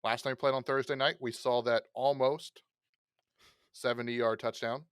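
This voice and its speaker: A man's voice: medium pitch, level tone, moderate pace, smooth, no echo. A man hosting a casual fantasy football podcast, loose and joking as he talks through players. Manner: loose, joking, wraps up the show. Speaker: podcast host.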